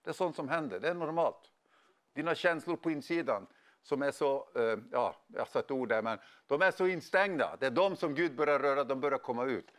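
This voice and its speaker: A middle-aged man preaching a sermon, telling stories in an animated way with casual slang. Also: mid-range voice. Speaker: pastor. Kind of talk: sermon with storytelling.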